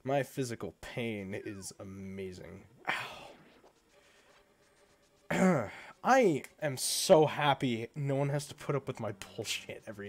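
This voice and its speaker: A man's voice: mid-range voice, a little mellow. A man streaming a game while sick, groaning and poking fun at himself in casual chat. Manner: groaning, self-mocking complaints.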